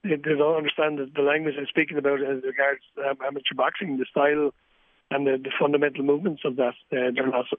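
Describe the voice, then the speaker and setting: A man's voice: medium pitch, little pitch movement, quick pace, no echo. A man with a Wexford Irish accent giving a candid, earnest, reflective interview as a sports coach, repeating phrases for emphasis. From County Wexford, Ireland. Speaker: amateur boxing coach, interviewee. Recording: thin phone-like radio line.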